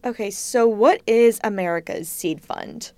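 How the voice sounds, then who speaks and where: A woman's voice: mid-range voice, measured pace, a little mellow, no echo. A woman hosting a business news podcast, introducing stories and asking questions. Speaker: podcast host.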